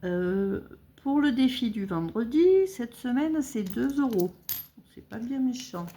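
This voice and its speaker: A middle-aged woman chatting casually as she fills budget envelopes, counting money aloud and thinking out loud with little hesitations. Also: on the high side, expressive, slow pace. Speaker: budgeting vlogger. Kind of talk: casual talk while filling cash envelopes.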